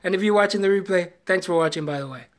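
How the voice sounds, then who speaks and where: A man's voice: high voice, racing. A young man with a Jamaican accent, casually telling a rambling personal story on a live video and retelling past conversations. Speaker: vlogger.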